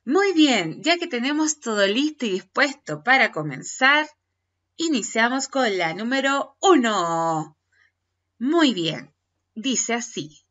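A woman's voice: on the high side, sing-song, slow pace, fairly bright tone. A woman, a primary school teacher, leading a dictation lesson for parents and children. She gives patient, step-by-step instructions. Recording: dull lo-fi recording.

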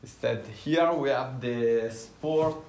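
Unhurried Italian-accented young tailor. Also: male voice, mid-range voice, a little mellow, a little hiss or hum. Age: young adult. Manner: halting, with frequent "uh" fillers. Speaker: tailor giving a workshop tour. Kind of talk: casual guided tour. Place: indoor tailoring workshop. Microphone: visitor's handheld camera. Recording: roomy workshop, faint ambience.

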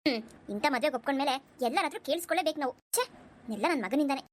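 Woman voicing a scornful mother-in-law, fast and shrill. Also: lively intonation, slight background noise. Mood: resentful. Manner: sharp, scornful, lecturing. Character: haughty middle-aged mother-in-law, scolding. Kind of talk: cartoon voice acting.

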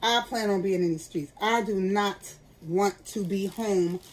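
A woman's voice: mid-range voice, measured pace, rough recording. A middle-aged woman, chatting candidly to her viewers while seated at home. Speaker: vlogger. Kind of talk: casual chat.

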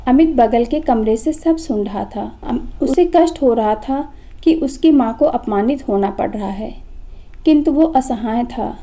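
Brief: earnest female narrator for a moral tale; warm, dark timbre, slightly high pitch. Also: measured pace. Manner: calm, earnest storytelling. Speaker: storyteller. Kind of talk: scripted story narration.

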